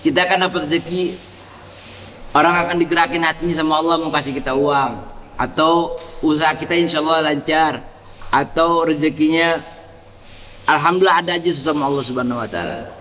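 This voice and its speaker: A man's voice: a little high, steady tone, brisk, pauses often, bright, forceful tone, a little hiss or hum. A man preaching at a dawn gathering in a mosque, acting out prayer gestures and leading the congregation in a repeated chant. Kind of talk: mosque sermon. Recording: echoey mosque hall, faint ambience.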